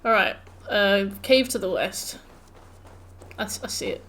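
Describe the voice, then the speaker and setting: A woman's voice: mid-range voice, a little slow, a bit bright. Woman, British accent, game streamer, chatty and jokey, casual commentary, faint noise behind. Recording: background noise, game ambience. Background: video game sound.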